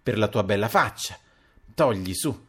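A man's voice: fairly low pitch, animated, a little slow, breathy edge. A man reading a novel aloud and voicing a timid, fawning middle-aged doctor. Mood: gloating. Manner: meek, ingratiating. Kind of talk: audiobook character voice.

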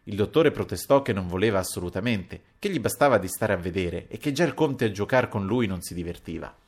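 Man, low voice, audiobook narrator, measured, expressive literary reading.

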